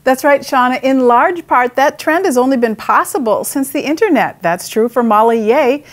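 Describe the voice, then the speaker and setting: A woman reporter narrating a TV news feature with a clear, even delivery. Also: high voice, moderate pace.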